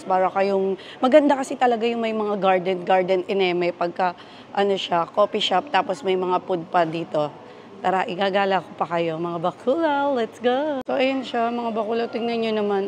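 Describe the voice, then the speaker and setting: A woman's voice: mid-range voice, a little mellow. A woman from the Philippines giving a chatty, gushing walking tour of a cafe garden on her handheld phone, switching between Tagalog and English. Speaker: travel vlogger. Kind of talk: casual walking tour vlog. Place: cafe garden during heavy rain.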